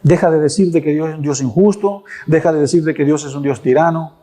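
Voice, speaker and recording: Emphatic pastor preaching. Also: male voice, fairly high pitch, steady tone, brisk, dark tone. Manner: emphatic, repeats phrases for stress, rhetorical questions. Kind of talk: sermon. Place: church.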